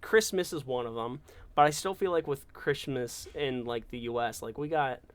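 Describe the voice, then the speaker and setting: A man's voice: mid-range voice, moderate pace, clear, resonant tone. A man from California co-hosting a podcast, chatting casually and rambling with many restarts. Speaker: podcast co-host. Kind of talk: casual chat.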